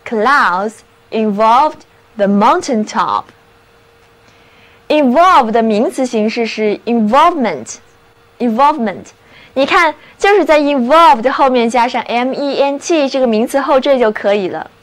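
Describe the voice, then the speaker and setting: A young woman hosting a scripted English vocabulary lesson, spelling words letter by letter and slowly repeating example sentences. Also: high voice, animated.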